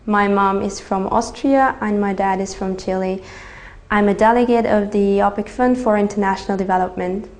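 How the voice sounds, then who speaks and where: A woman's voice: mid-range voice, fairly even intonation, normal speed, a little mellow. Nineteen-year-old woman giving thoughtful answers. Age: teens. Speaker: youth summit delegate. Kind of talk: interview answers.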